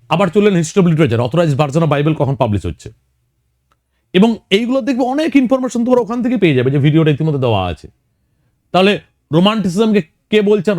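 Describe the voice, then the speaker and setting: A man's voice: high voice, darkish tone, dry recording, studio quality. A man teaching an exam prep lecture, walking students through questions one by one. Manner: explains questions one by one, addressing students directly.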